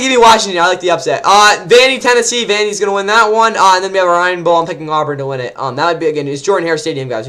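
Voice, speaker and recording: A young man, rambling excitedly through casual sports predictions as host, often correcting himself mid-sentence. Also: high voice.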